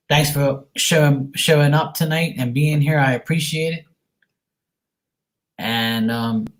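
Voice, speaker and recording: A man hosting a casual livestream chat, talking informally to viewers and giving them encouraging advice. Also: fairly high pitch. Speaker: psychic reader and livestream host.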